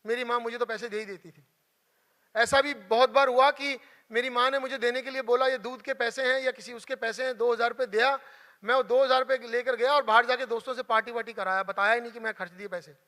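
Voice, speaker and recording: High bright-voiced man, earnest storyteller. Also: steady tone, quick pace. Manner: emotional, earnest, repeats for emphasis. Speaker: motivational speaker. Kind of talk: motivational storytelling talk. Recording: hall reverb.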